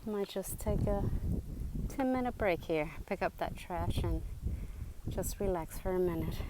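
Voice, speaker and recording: A woman's voice: fairly low pitch, unhurried. A woman hiker chatting to her camera outdoors on a trail, thinking aloud and sometimes out of breath. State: out of breath while hiking uphill. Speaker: long-distance hiker. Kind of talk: casual trail vlog. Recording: noisy outdoor recording.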